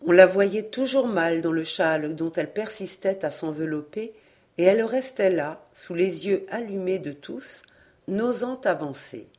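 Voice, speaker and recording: A woman narrating a classic novel as an audiobook, reading in a measured, expressive way. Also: on the low side. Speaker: audiobook reader.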